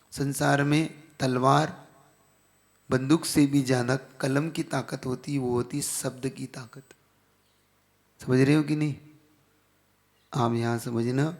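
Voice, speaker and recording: Male monk teaching a sermon class, raised gravelly voice, animated, keeps checking the audience follows. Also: on the high side. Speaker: Jain monk giving a scripture class.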